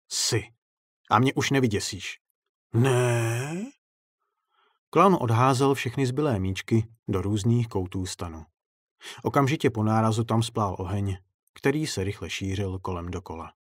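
A man narrating a dark short story in steady, measured audiobook style. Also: fairly low pitch, breathy edge, no echo.

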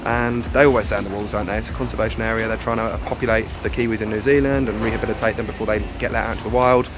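A man's voice: lowish voice, fairly even intonation, racing, background noise. Young guy vlogging his road trip, chatty and upbeat, laughs a lot, talking into a handheld cam outdoors. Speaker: travel vlogger. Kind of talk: casual travel vlog.

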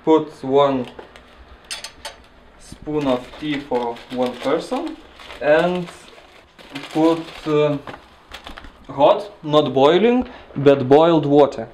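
Man, twenties, Lithuanian accent, hesitant casual explanation, slow pace, light background noise. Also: a little high, darkish tone. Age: 20s. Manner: hesitant, halting with repeated words. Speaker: student interviewee. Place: small indoor kitchen. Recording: echoey kitchen with audible background noise.

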